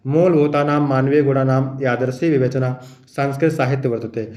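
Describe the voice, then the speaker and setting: A man's voice: medium pitch, fairly even intonation, normal speed, a little mellow. Man teaching, echoey room. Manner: addresses students affectionately, reads verses then explains them. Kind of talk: exam-prep lecture.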